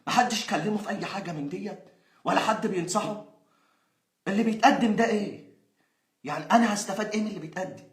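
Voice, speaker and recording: A man's voice: sits high, fast, long pauses. A young Egyptian man, a football fan, ranting in exasperation and sarcasm, sometimes laughing. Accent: Egyptian Arabic. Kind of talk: angry ranting monologue. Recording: roomy echo.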